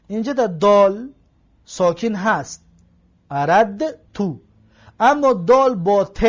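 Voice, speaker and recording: A man teaching an Arabic grammar lesson, repeating each phrase and translating it word by word. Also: sits high. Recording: slightly dull lo-fi recording.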